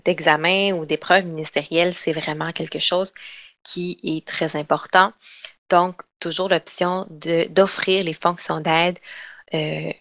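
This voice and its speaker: A woman leads an online software training session. Her voice sits low, and her chatty, filler-heavy explanations come through a close, dry desk mic with no room sound. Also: gravelly, dry recording. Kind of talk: online webinar demonstration.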